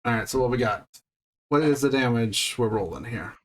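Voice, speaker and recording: A man's voice: medium pitch, lively intonation, normal speed. A man running a tabletop role-playing session as game master, patiently explaining the rules and thinking aloud as he goes.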